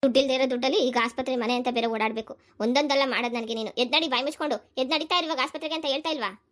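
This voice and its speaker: A woman voicing a worried, sharp-tongued mother in a cartoon, scolding and nagging. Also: high voice, very fast, natural voice. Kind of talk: cartoon voice acting.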